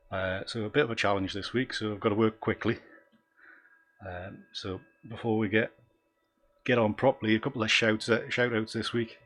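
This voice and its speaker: A man from Northumberland, England, with a Northumbrian accent, hosts a casual live stream on a desktop microphone. His voice is on the low side but fairly bright, and he rambles, pokes fun at himself, and gets sidetracked easily.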